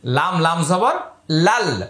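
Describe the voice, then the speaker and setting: A man teaching Quran reading in Bengali, spelling out letters and vowel marks and drawing words out slowly in recitation. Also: on the high side, big pitch swings, a bit bright. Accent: Bangladeshi Bengali. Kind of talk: step-by-step recitation lesson. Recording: echoey room.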